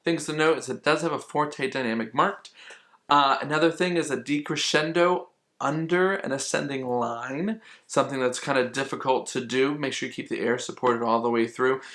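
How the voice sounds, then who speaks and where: A man's voice: medium pitch, normal speed, fairly bright tone. A man talks through a flute solo as a teacher, patient and methodical. He repeats his key points to drive them home, with a mid-range voice that sits in an everyday register. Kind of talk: instructional explanation.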